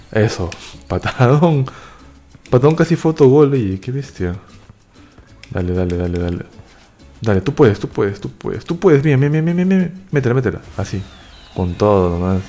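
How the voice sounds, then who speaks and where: Man narrating gameplay, excitable bursts of cheering, warm mellow voice, faint game music under him. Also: lowish voice. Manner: excitable, cheers and repeats words in quick bursts. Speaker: gaming YouTuber. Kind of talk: live gameplay commentary.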